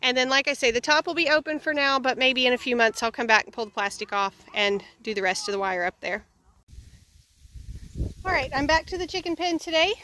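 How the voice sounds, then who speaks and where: Out at her chicken coop, this woman vlogs about her homestead chores in a relaxed, talkative way full of fillers. She speaks briskly with a high, pushed, bright voice and lively intonation.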